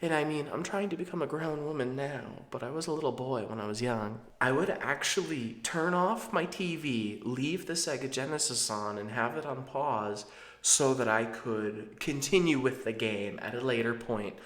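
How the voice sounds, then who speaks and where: A man's voice: medium pitch, normal speed, a bit bright. A man in his thirties hosting a video, talking in a casual, rambling, conversational way. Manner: digressive, conversational. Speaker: video channel host. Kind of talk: casual, rambling retro game commentary. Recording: roomy, echoing sound.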